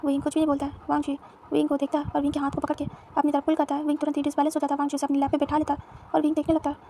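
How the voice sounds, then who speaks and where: A woman narrating a romance fan fiction story at a rapid, even clip. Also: high voice, slight background noise.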